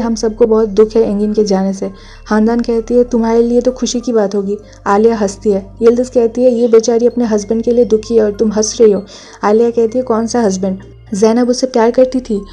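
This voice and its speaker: A woman's voice: fairly high pitch, warm tone. A woman narrating a casual recap of a drama episode, reading each character's lines in her own plain voice.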